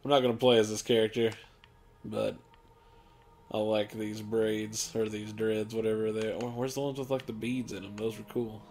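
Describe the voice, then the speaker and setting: A man's voice: fairly low pitch, little pitch movement, normal speed, darkish tone, slight background noise. A man casually talking through a video game's character creator, rambling and offhand with lots of fillers, tired and yawning late at night. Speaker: gaming channel host. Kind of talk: casual gameplay commentary.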